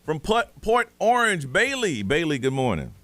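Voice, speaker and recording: A man hosting a morning radio call-in show, playful and animated with callers. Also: fairly high pitch, normal speed, no echo. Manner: lively, playful, shouts catchphrases. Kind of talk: casual call-in chat. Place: radio studio.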